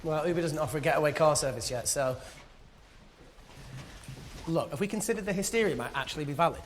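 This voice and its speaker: A man's voice: on the high side, fast talker, natural voice. Actor for breezy, wisecracking man, a doctor: casual, flippant, naturalistic game drama, noise behind him. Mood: inquisitive. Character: cocky, wisecracking male doctor, breezy charmer. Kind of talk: naturalistic dramatic film-style acting.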